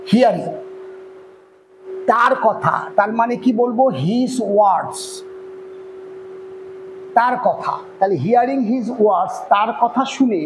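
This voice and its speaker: A man teaching an online grammar lesson with a Bengali accent, explaining step by step and often checking whether the point is clear. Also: very high-pitched, slight background noise, low-quality recording.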